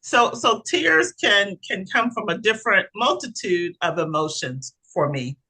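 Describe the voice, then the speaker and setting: In a casual podcast chat, a co-host who is also a life coach speaks expressively and laughs while talking. Her mid-range voice is a little slow and slightly rough, captured in a rough recording.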